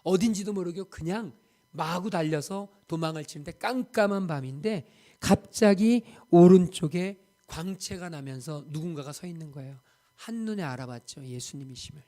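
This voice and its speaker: A male pastor delivers a Sunday sermon in a church. His voice sits slightly high for a man. He tells the story vividly and throws himself into the quoted lines with emphatic swells. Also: warm tone. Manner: dramatic storytelling, acting out quoted speech with emphatic rises. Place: church sanctuary.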